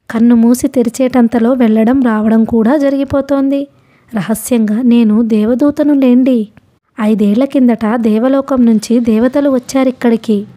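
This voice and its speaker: A woman's voice: on the high side, warm tone. A woman voicing a grandiose, fawning old male hermit who rambles on without stopping. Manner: rambling nonstop, fawning then boastful.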